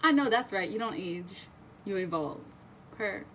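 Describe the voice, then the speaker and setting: A woman's voice: medium pitch, expressive, unhurried, a bit bright, slight background noise. A woman in her twenties giving a casual, chatty tarot reading on a live stream, swearing freely and talking to her viewers. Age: 20s. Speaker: tarot reader.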